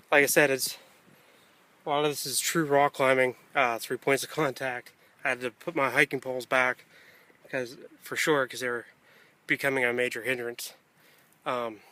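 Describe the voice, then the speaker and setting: A man narrating a hiking vlog in a casual, unscripted way, often pausing mid-thought, recorded outdoors on a handheld camera. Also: mid-range voice, bright, forceful tone. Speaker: hiker filming a trail vlog. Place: outdoors on a wooded rocky trail near a stream. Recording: outdoor camera audio with ambient noise.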